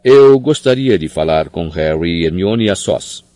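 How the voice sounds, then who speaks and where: A man reading an audiobook, voicing a calm, wise old headmaster who speaks in a measured way. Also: on the low side, dry recording, close to an everyday voice. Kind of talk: audiobook character voice.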